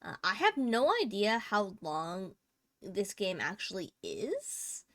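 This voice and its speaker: A woman's voice: medium pitch, sing-song, slow pace, fairly bright tone, no echo, clean studio sound. A woman livestreaming in a playful, giggly gamer-girl manner, chatting casually with her viewers and swearing freely. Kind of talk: casual chat with live stream viewers.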